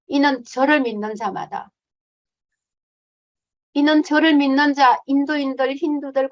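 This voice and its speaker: Earnest woman missionary giving a talk. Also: high voice. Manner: earnest, emotional storytelling with many fillers. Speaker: missionary teacher. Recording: dull lo-fi sound.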